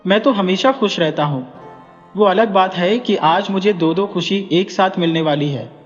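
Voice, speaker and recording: A man's voice: high-pitched, normal speed, voice pushed up, close to an everyday voice. A man voicing a lecherous, brash middle-aged village headman, in a dull, echoey recording with music behind. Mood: gruff. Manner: brash, leering.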